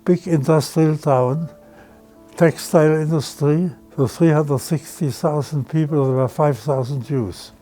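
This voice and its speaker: A man's voice: a little high, steady tone, a little slow, warm tone, faint music behind, rough recording. A man in his nineties from Germany, recounting his childhood plainly and matter-of-factly in an oral history interview. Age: 90s. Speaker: Holocaust survivor interviewee.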